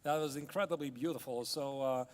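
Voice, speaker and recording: A man's voice: mid-range voice, brisk, slight background noise. A man hosting live chess commentary, analysing casually and exclaiming expressively as he follows the moves.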